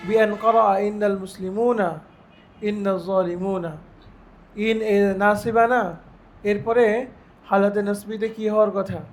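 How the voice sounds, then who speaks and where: A man teaching a religious lesson, reciting Arabic phrases slowly and putting questions to his students. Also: high-pitched, steady tone. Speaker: Islamic teacher.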